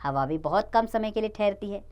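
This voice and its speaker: A woman gives a grammar lesson to children at an easy, steady pace. Her voice sits at a middle pitch but swings widely up and down in a sing-song way. She explains each point patiently, the way a teacher talks to a young class. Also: fairly quick, clear, resonant tone.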